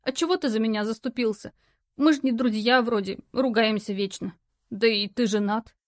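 A woman voicing a stressed young office worker who sounds indignant and pleading, turning shrill when upset. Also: normal speed, dry recording, clean studio sound, close to an everyday voice. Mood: tearful.

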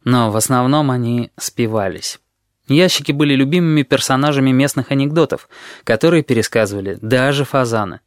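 A man's voice: medium pitch, fairly quick, dry recording. Dry, close male audiobook narrator. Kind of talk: first-person audiobook narration.

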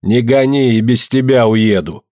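A man reading a story, voicing a defiant young peasant woman who answers with sharp, biting retorts. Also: mid-range voice, unhurried, no room sound, clean studio sound, natural voice. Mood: calm curt.

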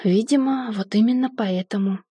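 A fussy middle-aged company director, as a woman reads him in an audiobook, talking in an oddly gentle, fretting way. His voice sounds husky and dark, with a close, dry sound. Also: a little high, steady tone, normal speed, dry recording, lightly acted. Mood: fussy, uneasy.

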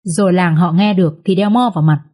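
A woman narrating a dramatic village story in a vivid, folksy storytelling manner, with a husky voice. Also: on the low side, brisk, mellow.

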